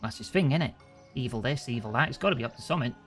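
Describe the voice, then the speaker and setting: A man's voice: mid-range voice, expressive, racing, faint music behind, natural voice. A man voicing a scheming, servile Cockney minion in a video game, like a hunchback assistant, chummy and conspiratorial. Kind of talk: reading game dialogue in character.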